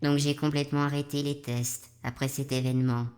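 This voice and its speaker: A woman's synthetic robot voice narrating as a deadpan robot vlogger in a measured, scripted way. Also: sits low, lightly acted. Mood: deadpan, matter-of-fact. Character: deadpan robot vlogger, calm, darkly joking. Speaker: channel host. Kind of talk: scripted narration in a fictional vlog.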